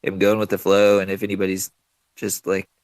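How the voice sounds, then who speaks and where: A man's voice: low-pitched, monotone, fairly quick, a little mellow, no echo. A man chatting casually as a guest caller, loose, slangy and rambling. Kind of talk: casual chat.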